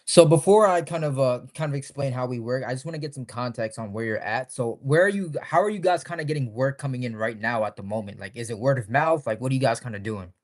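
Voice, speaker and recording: A man's voice: mid-range voice, fast, hardly any pauses, a little mellow. A young man in his twenties, a sales consultant asking easygoing, probing questions in a casual conversation. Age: 20s.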